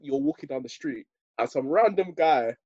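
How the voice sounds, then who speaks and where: A man's voice: medium pitch, expressive, moderate pace, a little mellow, husky, no echo, muffled recording. A young man with a London roadman accent bantering casually on a podcast in heavy, matey street slang. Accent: London roadman, urban British slang. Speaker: podcast co-host.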